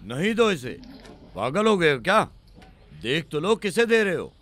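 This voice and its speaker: A disapproving guest with a slightly high, lively voice, scolding a reckless friend. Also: male voice, moderate pace. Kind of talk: Urdu film dubbing.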